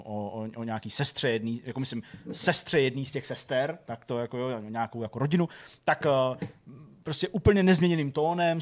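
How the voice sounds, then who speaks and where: Rambling, filler-heavy man in his thirties. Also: medium pitch. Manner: rambling, constant filler words and restarts. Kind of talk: casual storytelling chat.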